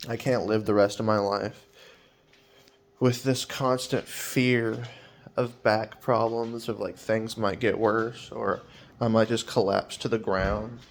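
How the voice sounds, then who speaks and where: A man's voice: lowish voice, fairly even intonation, slow pace. A man in his twenties talking in a personal vlog, hesitant and rambling with many fillers, sounding weary and anxious. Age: 20s.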